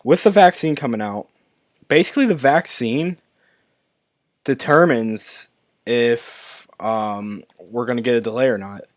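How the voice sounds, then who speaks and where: On his live stream, a young YouTube host reads movie news articles and comments on them, frequently stumbling and restarting words. He speaks at a measured pace with a medium-pitched voice. The sound is studio quality, with no room sound.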